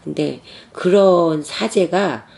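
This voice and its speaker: 무속인인 중년 여성이 캐주얼하게 경험담을 들려주며 대사를 흉내 낸다. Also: female voice, fairly low pitch, slow, gravelly. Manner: lively retelling with acted quotes. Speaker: shaman storyteller. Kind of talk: casual storytelling.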